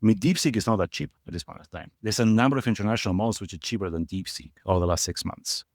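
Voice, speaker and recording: A man's voice: fairly low pitch, rapid-fire, no echo, clean studio sound. A middle-aged man from Bulgaria with a Bulgarian accent, speaking as a guest in a conversational interview, emphatic and repeating words for stress. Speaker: portfolio manager guest.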